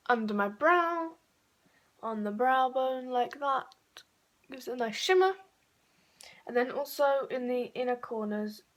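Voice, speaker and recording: A woman's voice: a little high, a bit bright. A woman chatting her way through a makeup tutorial, rambling and correcting herself as she goes. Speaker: beauty vlogger.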